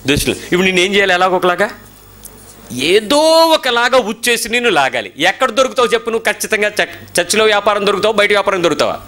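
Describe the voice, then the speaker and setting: A man with a Telugu accent preaching a sermon, firing rhetorical questions and swinging from loud outbursts to low asides. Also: animated, quick pace.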